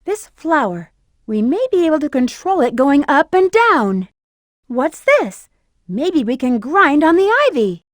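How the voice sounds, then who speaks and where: A woman's voice: sits high, big pitch swings, unhurried, dry recording, clean studio sound. A woman voicing a flirty, sassy female bat treasure hunter in a video game, with a confident, teasing manner. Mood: curious.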